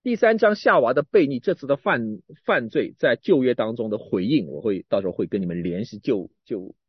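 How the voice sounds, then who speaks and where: Animated man preaching a sermon. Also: mid-range voice, fairly quick, breathy edge, no room sound, lo-fi sound. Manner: animated, repeats and restarts words, swings from emphatic to quiet.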